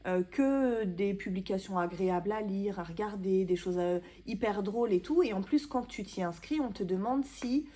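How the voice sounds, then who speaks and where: French woman in her thirties, chatty self-mocking vlogger, soft mellow tone, casual talk to camera. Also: mid-range voice, moderate pace, hardly any pauses. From France. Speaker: booktuber. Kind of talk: casual vlog chat to camera.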